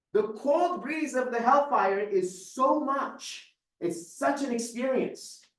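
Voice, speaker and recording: A man giving a religious lecture, explaining words one by one and checking in with his audience. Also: sits high. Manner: explains word by word, checks in with "right?". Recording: echoey room from a distance.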